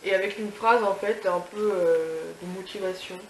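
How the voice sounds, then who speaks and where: A woman's voice: mid-range voice, fairly even intonation, moderate pace. A young woman vlogger chatting casually through an unboxing review, gushing over the item, with many fillers and restarts. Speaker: beauty and lifestyle vlogger. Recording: echoey room with background noise.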